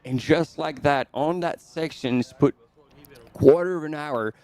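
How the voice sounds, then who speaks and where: Smooth-voiced man commentating a trail race. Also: on the high side, unhurried, a little mellow, dry recording. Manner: casual, lots of fillers like "like" and "you know".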